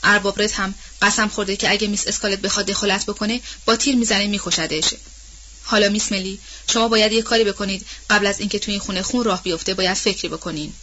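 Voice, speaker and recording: A woman's voice: medium pitch, fairly even intonation, sharp tone, muffled recording, slight background noise, natural voice. Mammy, an anxious old house servant, as a woman reader does her. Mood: troubled. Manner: plain-spoken, colloquial storytelling. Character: older female house servant, anxious and guilt-ridden.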